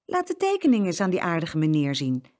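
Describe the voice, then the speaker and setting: A woman's voice: lowish voice, wildly swooping pitch, quick pace, darkish tone. A woman voicing a mother in a children's storybook, firm and scolding. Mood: puzzled. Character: stern but kind young mother.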